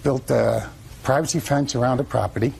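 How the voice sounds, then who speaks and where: A man in his fifties with a gravelly voice, answering as a litigant in a TV court, plain-spoken, folksy and defensive. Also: medium pitch, fairly even intonation, fairly quick, darkish tone, a little hiss or hum. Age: 50s.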